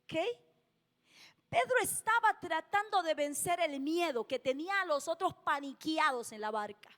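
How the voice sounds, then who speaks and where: High-voiced woman preaching. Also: animated, normal speed, a bit bright. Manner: emphatic, repeats key phrases, asks the congregation questions. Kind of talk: sermon. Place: church hall. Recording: long church-hall reverb.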